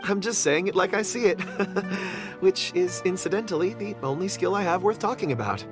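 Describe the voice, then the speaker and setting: A man's voice: sits high, lively intonation, normal speed, over music. A man playing a cheerful, candid young man in a video game, chatty and frank with a slightly hesitant streak. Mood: eager. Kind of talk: video game character acting.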